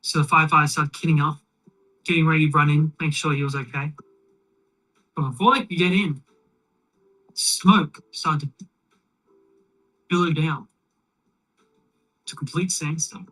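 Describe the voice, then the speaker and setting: A speaker alone in a room, telling a long shaggy-dog joke in a rambling, deadpan way with plenty of fillers. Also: mid-range voice, measured pace, pauses often, husky, far from the mic, low-quality recording. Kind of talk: shaggy-dog joke told while painting miniatures.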